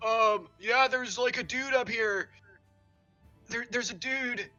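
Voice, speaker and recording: A game master voicing a dim-witted, excited cat who rambles and gushes. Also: medium pitch, lo-fi sound, soft background music, pitched above the performer's own voice. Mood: dopey. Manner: dopey, gushing, rambling fast.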